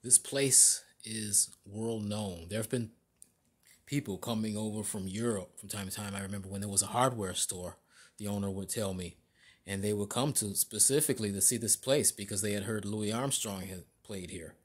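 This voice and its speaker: A man narrating a casual walking tour inside a large store, halting often with fillers and restarts. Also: lowish voice. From Chicago area. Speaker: vlogger.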